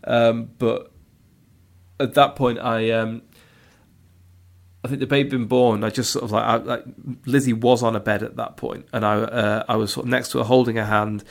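Gravelly-voiced man in casual chat. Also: mid-range voice, little pitch movement, moderate pace. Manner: candid, rambling with many fillers. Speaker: podcast co-host, father of two.

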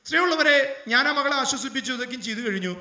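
High bright-voiced preacher in an echoey room. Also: male voice, expressive, rapid-fire, recorded from a distance. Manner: emotional preaching, rising to loud fervent appeals. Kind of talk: sermon storytelling.

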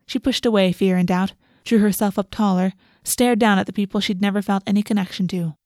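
A woman narrates a fantasy story in audiobook style. Her voice sits at a middle pitch and follows a written text, with a close, dry sound free of room echo. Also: fairly even intonation, brisk, a little mellow. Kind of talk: scripted fantasy fiction narration.

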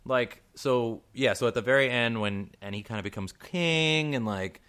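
A young man with a mid-range voice talks films in a loose, rambling way. He restarts often and his voice jumps up when he gets excited. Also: medium pitch, moderate pace, clear, resonant tone. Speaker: podcast co-host. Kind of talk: casual chat.

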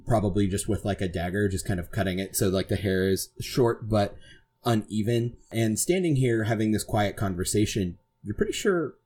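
A man with a fairly low, mellow voice narrates as game master for a tabletop game, casual and chatty, laughing and using lots of filler words. There is slight background noise.

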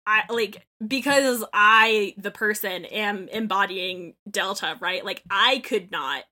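A woman chatting casually about a video game, animated, swearing freely and acting out bits of dialogue. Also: mid-range voice, takes it slowly.

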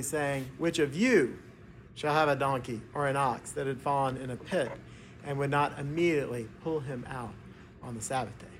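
A man delivers a sermon in a formal, measured manner, his voice a little on the high side. He sounds like he is reading from prepared notes, and there is some background noise in the church recording. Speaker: preacher. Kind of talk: sermon, homily. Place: inside a church.

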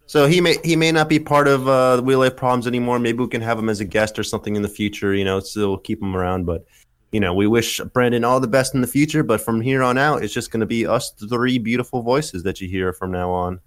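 A man's voice: medium pitch, fast. An American man hosting a podcast, upbeat and casual, playfully selling the show. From United States. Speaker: podcast host. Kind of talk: casual chat.

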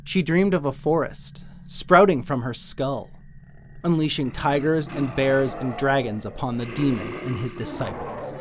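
Guy telling a dark fairy tale, measured and dry, mid-pitched voice. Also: background noise. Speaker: writer and narrator. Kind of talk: scripted storytelling narration.

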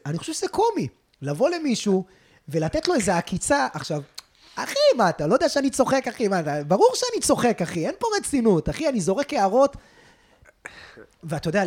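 Animated, husky man telling stories. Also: high-pitched. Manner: animated, crude slang, constantly says "bro". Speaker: stand-up comedian guest. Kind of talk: casual storytelling chat. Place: indoor loft apartment.

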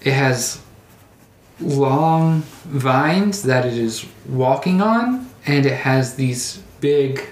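A game master narrating a tabletop role-playing game, halting and pausing mid-description. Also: mid-range voice, lively intonation. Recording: roomy, echoey, faint background noise.

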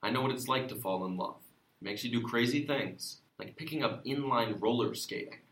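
An actor playing an exasperated, self-important sheriff who narrates a comic noir detective story. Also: male voice, mid-range voice, brisk, a bit bright, lightly acted. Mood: stern, deadpan. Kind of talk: comic hard-boiled noir narration and dialogue. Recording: roomy echo.

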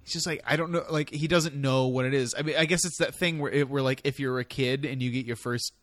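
A man's voice: medium pitch, steady tone, brisk, dry recording. A man co-hosting a podcast, chatting casually in rambling bursts full of fillers. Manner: rambling, lots of fillers and quoted voices. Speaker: podcast co-host. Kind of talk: casual chat.

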